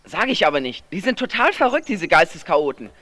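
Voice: mid-range voice, sing-song, brisk, sharp tone, dry recording. An actor voicing a chatty, boastful teenage boy in a radio play. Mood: cheeky. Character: chubby cheeky teenage boy, food-loving.

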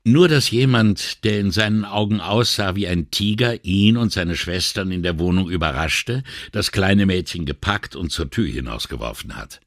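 A man voicing a calm, thoughtful middle-aged male police commissioner in an audiobook, measured and reasoning. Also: low voice, no echo, studio quality. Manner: measured and reasoning, gently wry. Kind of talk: audiobook character reading.

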